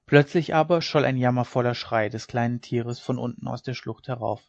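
A man narrating a literary audiobook in a measured, dramatic storytelling manner. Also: mid-range voice, creaky. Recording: slightly dull lo-fi recording.

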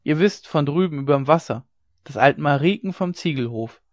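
A breathless young farm maid rushes through her rumours, a little higher and louder than a plain telling, as a man reading a story puts her on. She drops her voice low when the talk turns to secrets. The recording is dull and dry. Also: animated, no echo, close to an everyday voice. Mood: agitated.

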